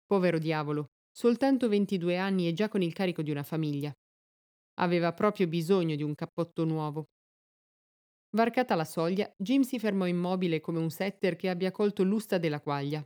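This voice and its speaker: A woman narrating a story aloud in a measured, expressive audiobook reading. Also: on the low side, smooth.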